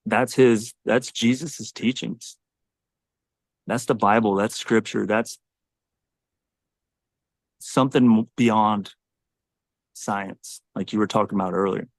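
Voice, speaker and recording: A man's voice: fairly low pitch, fairly even intonation, takes it slowly, gravelly, pauses often, dry recording, clean studio sound. A man in his forties, a Navy SEAL, talking earnestly and reflectively in a podcast conversation.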